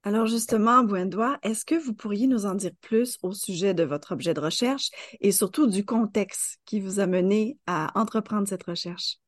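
A woman's voice: medium pitch, moderate pace, few pauses, no room sound, studio quality. A woman hosting a podcast, welcoming listeners and guests in a formal manner. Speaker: podcast host.

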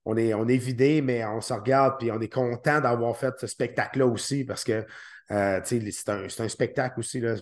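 A man with a Québécois French accent, once a fighter, appears as a guest on a podcast interview. His mid-range voice keeps a fairly even intonation while he speaks haltingly, often repeating words.

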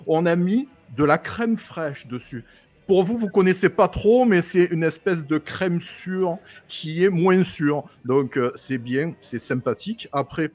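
Cheeky man with a high voice. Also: darkish tone, dry recording. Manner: mock-grand, cheeky, crude jokes. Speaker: guest co-host of a cooking podcast. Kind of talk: playful podcast chat.

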